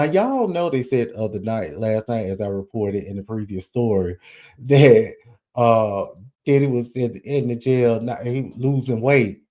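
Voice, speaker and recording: A man's voice: mid-range voice, warm tone. A man casually commenting on celebrity news, chatty and folksy, talking straight to his viewers with slang and asides.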